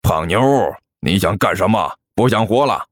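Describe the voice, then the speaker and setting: A man's voice: sits low, normal speed, a bit bright, no room sound, voice pushed down. A man doing a stammering, blustering robber. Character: bumbling male street robber, blustering but timid. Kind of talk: storytelling character voice.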